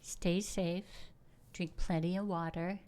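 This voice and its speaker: A woman's voice: on the low side, steady tone, slow pace, dark tone. A woman hosting a casual conversation, affirming her guest with short agreeing replies. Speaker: host.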